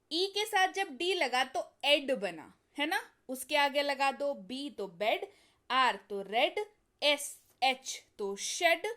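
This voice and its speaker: A woman's voice: high-pitched, sharp tone. A woman teaching an English phonics lesson, patiently repeating sounds and checking that her students follow.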